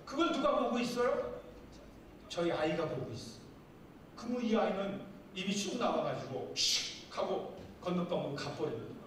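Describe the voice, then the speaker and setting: High-voiced preaching man in echoey hall. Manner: animated preaching, reads scripture slowly, acts out little scenes. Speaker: pastor. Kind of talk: sermon. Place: seminar hall. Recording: very echoey hall, voice from far off, faint noise.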